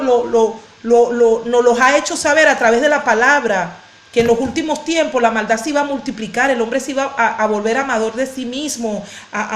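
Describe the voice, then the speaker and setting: A woman pastor preaches with fervor in a fairly high voice. She circles back on her phrases and restarts words as she presses her point. The sermon carries the echo of a roomy space. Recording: echoey room.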